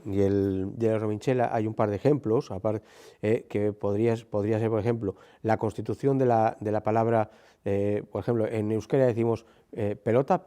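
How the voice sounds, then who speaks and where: A man's voice: lowish voice, mellow. A man giving an earnest explanatory talk on linguistics, with frequent "eh" fillers, tag questions, and emphatic rising stresses. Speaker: speaker on linguistics.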